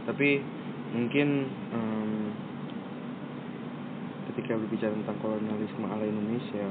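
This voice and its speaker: A man speaking as a guest in a casual conversation, hesitant and often pausing to search for words. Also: fairly low pitch, little pitch movement, loud music behind the voice. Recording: tinny phone-like audio with clear background noise.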